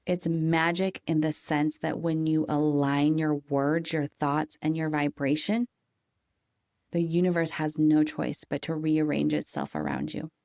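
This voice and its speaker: A woman hosting a podcast, giving a calm, coaching motivational talk with deliberate, slowed emphasis. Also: low-pitched, creaky, dry recording, studio quality. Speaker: podcast host. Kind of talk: scripted motivational monologue.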